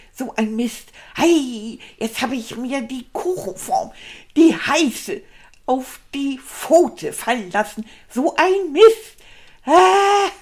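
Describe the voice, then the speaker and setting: Eine Frau spricht eine plappernde, angeberische männliche Stoffratte, ein Erstklässler, die aufgeregt und mit großen Sprüngen in Tonhöhe und Lautstärke erzählt. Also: female voice. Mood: flustered. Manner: excitable, chatty, big swings in pitch and loudness. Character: chatty boastful male stuffed toy rat, first-grader. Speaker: puppet show host. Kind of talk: children's puppet show.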